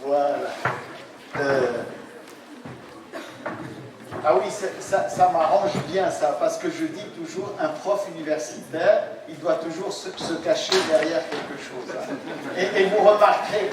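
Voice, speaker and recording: A man in his sixties giving a university lecture, hesitant, with many fillers and restarts as he explains. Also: high-pitched. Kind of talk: academic conference lecture. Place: lecture hall, indoors. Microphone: distant room mic. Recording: very echoey hall from far off, faint noise.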